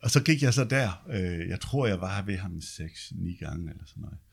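A man with a low, deep bass voice that is gravelly and husky, telling stories from his past. He chats loosely and keeps checking in with his listener. He drops in casual swear words as he goes. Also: lively intonation. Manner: chatty, tags lines with "ikke?", swears casually. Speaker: guest telling his life story. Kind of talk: casual storytelling.

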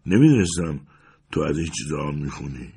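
A man's voice: a bass voice, lively intonation, creaky, mellow, husky, pitched below the performer's own voice, full character voice. A man voicing an awkward, hearty rancher husband. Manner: fumbling, hearty.

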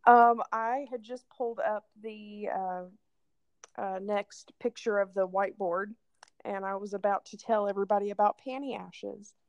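A young married woman co-hosting a casual podcast, easygoing and quick to giggle. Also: medium pitch, steady tone, no room sound, dull audio. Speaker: podcast co-host.

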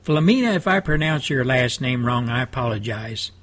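Broadcasting from his studio, a talk radio host from South Texas drawls his way through a rambling, folksy monologue with homespun asides. His medium-pitched voice stays fairly even at a moderate pace.

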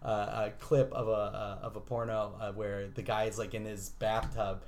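A man's voice: fairly low pitch, flat delivery, moderate pace, creaky, darkish tone. A man chatting casually as a podcast co-host, laughing easily and acting out quotes. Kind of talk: casual chat.

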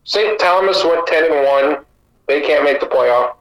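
Male co-host, a touch higher-pitched, opinionated casual sports talk. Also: a little slow, a bit bright, low-quality recording. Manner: opinionated, talks in long runs. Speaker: podcast co-host.

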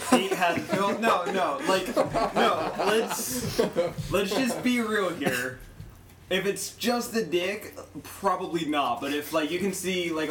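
A young man chatting on a podcast, jokey and animated, his voice jumping up when he makes a point. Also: fairly high pitch, recorded from a distance, noisy background. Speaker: podcast co-host. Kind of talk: casual crude podcast banter. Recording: echoey room, a bit off-mic.

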